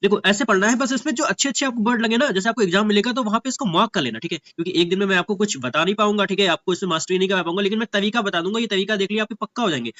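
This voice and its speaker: Casting: young male exam teacher, high-pitched, chatty, repeats "ठीक है?" every line. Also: a bit bright, no echo. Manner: keeps asking "ठीक है?" and addresses students as भैया; reads English slowly, spelling words letter by letter. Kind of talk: casual Hindi lecture with English reading.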